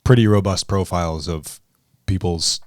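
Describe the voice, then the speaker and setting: A man and coach on a podcast conversation, explaining ideas in a measured, thoughtful way. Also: deep voice, no room sound, clean studio sound. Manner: measured, thoughtful, deliberate phrasing.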